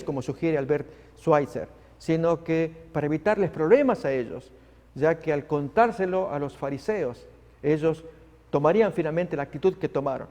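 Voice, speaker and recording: A man preaching a sermon, dramatic and expressive, acting out the people in the story he tells. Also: a little high. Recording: long hall reverb.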